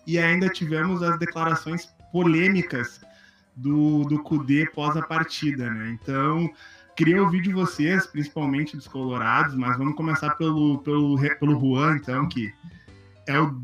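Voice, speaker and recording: A man's voice: fairly high pitch, a bit bright. A man hosting a sports chat, hesitant and often repeating words. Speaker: podcast host.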